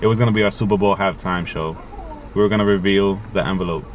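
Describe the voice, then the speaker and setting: A man's voice: low voice, steady tone, quick pace, recorded from a distance, a little hiss or hum. A man chatting and joking with his wife in a casual vlog. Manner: teasing, joking. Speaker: vlogger's husband.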